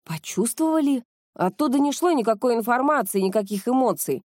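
A calm, modest young man, voiced by a woman reading an audiobook. He speaks in an understated, even way. The tone is dark and warm, and the recording is dry. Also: on the high side, a little fast, no echo, pitched above the performer's own voice.

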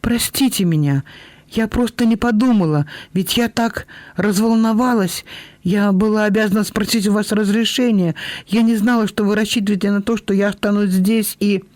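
A man's voice: high-pitched, fairly even intonation, moderate pace, a little mellow, no echo, pitched above the performer's own voice, natural voice. A man reading aloud, voicing an eager, apologetic young woman who talks in breathless, flustered bursts.

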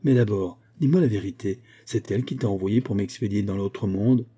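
A man's voice: lowish voice, moderate pace, mellow, husky. A man voicing a jovial young male officer in a novel, hearty and teasing as he talks. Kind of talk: audiobook character reading.

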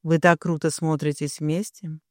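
A woman's voice: deep voice, level tone, moderate pace, a little mellow, dry recording, studio quality, natural voice. A reader voicing a tipsy, carefree young woman who mumbles and stumbles over her words in a storybook reading. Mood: playful.

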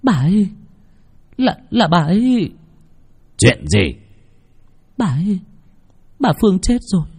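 A frightened young woman from a spoken horror story, as a male narrator puts her on, stammering and pitched high. The voice stays husky underneath, with faint music. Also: huge pitch swings, slow, a little mellow, heavily acted. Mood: panicked. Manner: stammering in panic.

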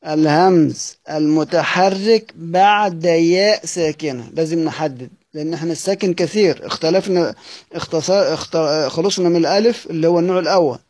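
This man teaches Quranic readings in a classroom, speaking with an Egyptian Arabic accent in a slightly high, fairly quick, darkish voice. He draws out words while reciting and asks his students the same questions more than once. The recording has no room sound.

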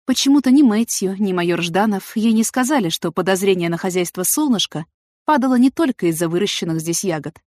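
A woman narrating an audiobook in an even storytelling manner. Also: mid-range voice, fast, hardly any pauses, dry recording, studio quality.

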